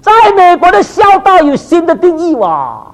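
High-voiced animated male preacher. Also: moderate pace. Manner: animated, full of rhetorical questions to the listeners; drops in short English phrases. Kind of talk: sermon to a congregation.

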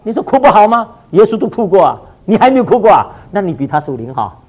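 High-voiced animated male preacher. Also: fast. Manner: animated, full of rhetorical questions to the listeners; drops in short English phrases. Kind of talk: sermon to a congregation.

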